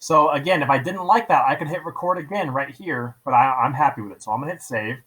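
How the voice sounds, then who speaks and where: This low-quality recording captures a man with a fairly high, fairly bright, breathy voice talking fast. He's teaching software through an informal screen-recording tutorial, explaining each step, repeating himself and often saying "right?"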